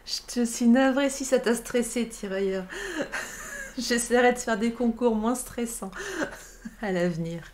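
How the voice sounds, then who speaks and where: With a slightly high, darkish voice and big swings in pitch, a woman in her late 30s talks unhurriedly while co-hosting a casual live stream. She chats and reacts to what viewers write. The audio is from a webcam livestream.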